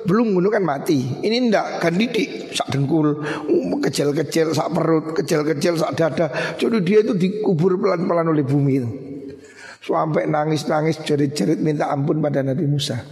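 Animated Javanese-accented male preacher, gravelly. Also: a little high, normal speed. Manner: animated, acts out voices in his stories, mixes in Javanese. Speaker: Islamic preacher. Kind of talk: storytelling sermon. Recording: echoey hall.

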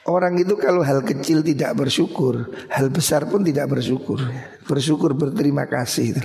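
A middle-aged man with a Javanese accent, preaching a lively storytelling sermon and acting out the voices of his characters. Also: fairly high pitch, vocal fry. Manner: animated, acts out voices in his stories, mixes in Javanese. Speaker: Islamic preacher. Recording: echoey hall.

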